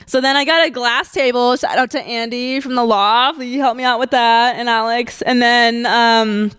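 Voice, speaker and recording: A woman's voice: fairly high pitch, fairly even intonation, a bit bright, clean tone, no room sound. Chatty woman in her twenties. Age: 20s. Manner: chatty and emotional, quick laughs. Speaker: podcast host. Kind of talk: casual solo podcast chat.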